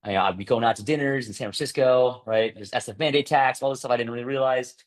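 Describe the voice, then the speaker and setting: A man in his thirties presenting a workshop in a casual, chatty way, often tagging "right?" and acting out past conversations. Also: fast talker. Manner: acts out past dialogue with lively jumps in pitch.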